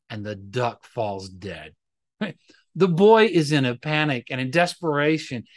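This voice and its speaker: A man's voice: on the high side, fairly bright tone, no room sound. Dry-sounding male preacher, emphatic. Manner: emphatic preaching, sudden rises and slowed, drawn-out phrases. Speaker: pastor. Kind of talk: sermon.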